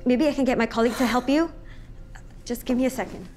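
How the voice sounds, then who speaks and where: A woman's voice: fairly high pitch, fast, darkish tone, faint music behind, lightly acted. A woman playing a nervous, hesitant young new hire who speaks politely and apologetically in a screen drama. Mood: nervous, apologetic. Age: young adult. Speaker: new career centre staffer. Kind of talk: naturalistic screen drama acting.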